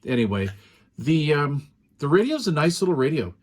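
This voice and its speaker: A radio product reviewer with a fairly high, sing-song voice talks at normal speed while casually demonstrating a small walkie-talkie. His hands-on review is easygoing and rambling, full of ums and uhs.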